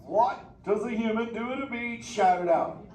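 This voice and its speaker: A live show performer uses an extremely high voice at a moderate pace to play a laid-back, slangy surfer-dude male sea turtle, bantering playfully with the audience in an interactive show. The noisy recording was made from far off in an echoey theater.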